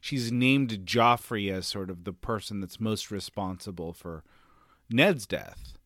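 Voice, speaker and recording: A man's voice: on the low side, unhurried, fairly bright tone, no room sound, studio quality. A man hosting a book podcast in a casual, chatty way, reading passages aloud and laughing easily. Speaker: podcast host.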